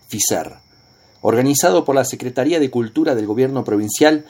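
A man's voice: mid-range voice, a little mellow. A man with an Argentine accent reads a scripted radio news report as a reporter.

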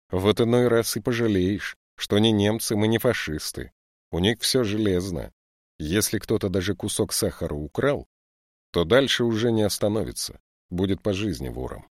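A man's voice: low voice, no room sound, clean studio sound. A man voicing a strict, stocky woman police lieutenant in an audiobook, scolding and lecturing young thieves. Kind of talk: audiobook character voice.

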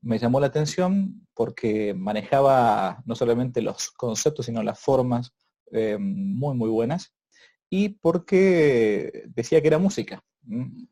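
A priest hosts a casual interview, his medium-pitched, dark voice moving at a measured pace with lively intonation. He sounds hesitant, repeating words and filling gaps as he restarts his sentences.

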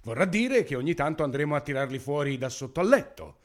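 A male actor voices a pompous, menacing authoritarian government minister in a satirical radio play. His fairly high voice is fast and sing-song as he declaims grandly with smug brutality.

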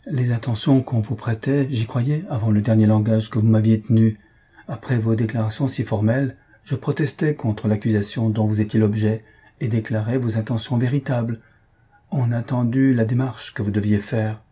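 A man voicing a tender, anxious young woman in an audiobook reading, raising his voice higher and speaking earnestly. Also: fairly even intonation, moderate pace, mellow, slightly rough.

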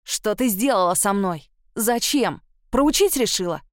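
A woman's voice: mid-range voice, expressive, a little slow, no echo, clean studio sound, close to an everyday voice. Woman voicing a blinded young man in a rage. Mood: furious. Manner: shouting in panic and rage. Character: proud young man, suddenly blinded, angry.

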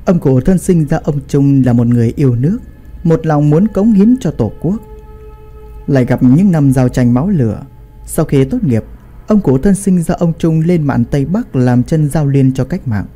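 A man narrating a family story in an expressive storytelling style. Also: a little high, moderate pace, faint music behind.

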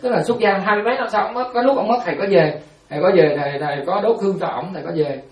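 Quick, animated monk. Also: male voice, high-pitched, roomy sound, recorded from a distance. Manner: animated storyteller, repeats words, acts out quotes. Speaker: Buddhist monk teacher. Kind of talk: storytelling dharma talk.

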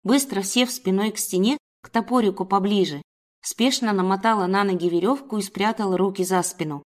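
A woman reading a first-person story aloud in steady storybook narration. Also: medium pitch, fairly quick.

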